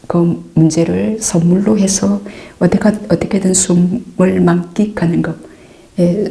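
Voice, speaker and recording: Calm low-voiced woman teaching meditation. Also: vocal fry. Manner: calm, patient, repeats phrases, soft asides. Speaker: Buddhist nun teacher. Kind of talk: dharma Q&A teaching.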